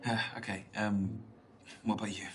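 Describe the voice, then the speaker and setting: A man's voice: on the low side, little pitch movement, moderate pace, soft background music, lightly acted. A young British man acting an awkward, earnest date in a video game, hesitant and full of ums. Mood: nervous.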